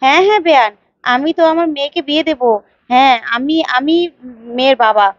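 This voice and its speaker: A woman voicing a flustered man in a story, hurrying to explain and please in a high, fast voice. The recording is dry and a little dull. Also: no echo, natural voice. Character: flustered man posing as a bride's father.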